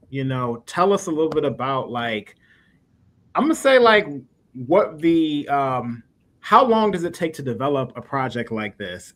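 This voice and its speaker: A man hosts a casual livestream interview as a podcast host and interviewer, chatting informally with his guests. His voice is medium-pitched and a bit bright, and there's noticeable background noise in the recording.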